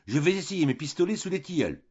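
A man's voice: a little high, big pitch swings, fast talker, darkish tone, slightly rough, muffled recording, pitched above the performer's own voice. A man voicing a mocking middle-aged male schemer in an audiobook, with a sneering, teasing manner.

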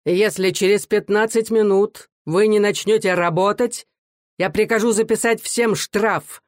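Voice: medium pitch, normal speed, a little mellow, dry recording, pitched above the performer's own voice, lightly acted. A reader putting on a curt, imperious factory director. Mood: cold, imperious. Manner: dry, curt and commanding. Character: stern factory director, middle-aged man, imperious. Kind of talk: audiobook character voice.

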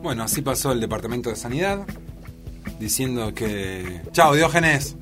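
A man's voice: mid-range voice, lively intonation, moderate pace. A man hosting a casual radio discussion and prompting his guests. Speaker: radio host. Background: music.

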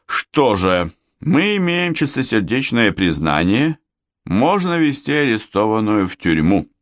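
Casting note: male reader as a stern, official police major, low voice with lively pitch, dry. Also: measured pace, no room sound. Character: stern police major, middle-aged man.

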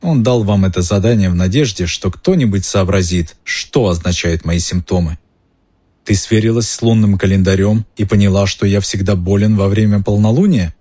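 A man voicing a calm, weary male teacher who speaks quietly and with restraint. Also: fairly low pitch, moderate pace, natural voice. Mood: wry.

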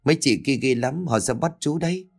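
A man's voice: medium pitch, fairly quick, vocal fry, slightly rough, soft background music, voice pushed up. A man voicing a frightened small boy who whispers an urgent warning in a ghost story.

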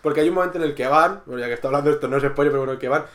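A man's voice: a little high, very fast, fairly bright tone, slight background noise. A man co-hosting a podcast, chatting casually about a TV series, rambling with many restarts and repeated words. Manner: acts out characters' lines in quotes. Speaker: podcast co-host reviewing a TV series. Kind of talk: casual chat.

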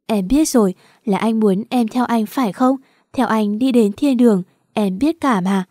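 A woman's voice: on the high side, normal speed, mellow, no room sound, studio quality, natural voice. A woman voicing a grief-stricken young woman who pleads tearfully with her lover. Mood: pleading tearful.

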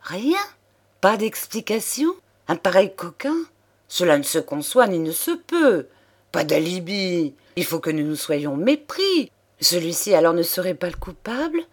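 A woman voicing an excitable, fussy old man who plays amateur detective, in an audiobook reading. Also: on the low side, measured pace. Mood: bewildered. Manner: eager, breathless, flustered.

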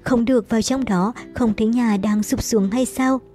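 Rough bandit henchman voiced by a woman, barking orders, mellow tone, faint music. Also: a little high, fairly even intonation, moderate pace, natural voice. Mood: stern.

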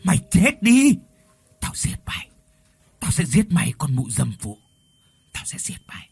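A man voicing a crazed middle-aged village man who shouts threats and then pleads in a high, strained voice. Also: sing-song, moderate pace, creaky, slightly rough, full character voice. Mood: raving.

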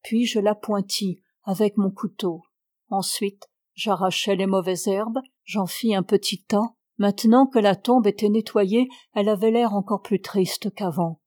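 Woman audiobook reader, mid-pitched, measured delivery, dry close sound. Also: steady tone, darkish tone, no room sound. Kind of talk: reading a novel aloud.

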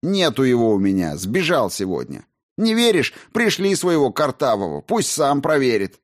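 Man doing a snappish rough thief-boss. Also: lowish voice, wildly swooping pitch, moderate pace. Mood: defensive shouting. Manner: snapping, defensive outbursts. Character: irritable rough male thief-warlord, sulky and defensive.

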